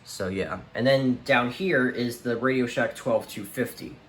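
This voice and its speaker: A radio collector presents his collection in a casual, unscripted show-and-tell, rambling hesitantly and often trailing off. He speaks at a medium pitch and a measured pace. The recording has a roomy echo and light background noise.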